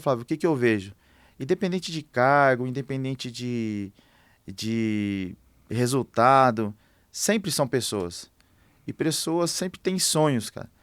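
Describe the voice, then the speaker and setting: A man's voice: on the high side, no room sound. A man, a construction manager talking casually in a podcast interview, thinking aloud with many fillers and restarts.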